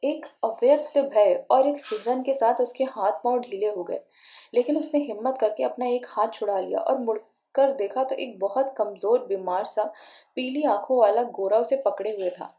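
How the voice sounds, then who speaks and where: Woman storyteller, slightly high voice. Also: moderate pace. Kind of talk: reading a novel aloud. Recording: dull lo-fi recording.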